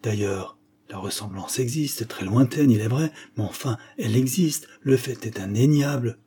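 A man's voice: mid-range voice, normal speed, warm tone, breathy edge, natural voice. A man reading the part of an old, deferential estate steward in an audiobook, earnest and easily surprised.

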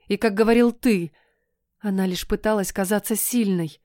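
A woman's voice: medium pitch, normal speed, warm tone, no room sound, lightly acted. A distraught young heroine of a fantasy storybook, her voice shaky, tearful and pleading, as the woman reading puts her on. The sound is dry and close, with no room around it.

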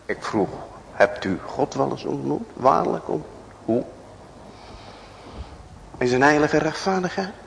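A slow, deliberate male pastor preaching in a church. He swings dramatically between raised cries and hushed whispers and presses his listeners with rhetorical questions. The recording carries a long hall reverb under a faint hum of noise. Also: fairly high pitch, very animated, vocal fry. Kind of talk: sermon.

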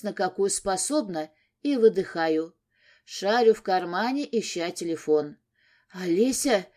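A woman's voice: mid-range voice, mellow. A woman narrating a first-person audiobook story in an emotional, intimate way.

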